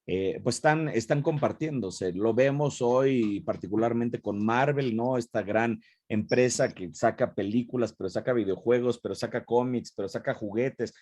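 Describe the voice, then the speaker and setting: A man's voice: medium pitch, a little mellow, no echo, studio quality. A man giving an online lecture, talking in a loose spoken style with many tag questions and restarts. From Mexico. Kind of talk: online talk with Q&A.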